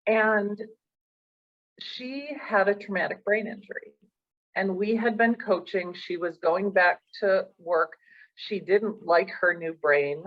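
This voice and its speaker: A middle-aged woman, a professional coach, earnestly tells a personal story in an interview, acting out the dialogue she recalls. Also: mid-range voice. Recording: dull lo-fi sound.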